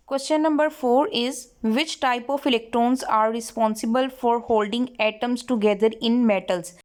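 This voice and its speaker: Slow, high-voiced woman chemistry tutor. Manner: reads each English line slowly, then explains in Hindi-Urdu. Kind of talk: textbook lesson reading and explaining.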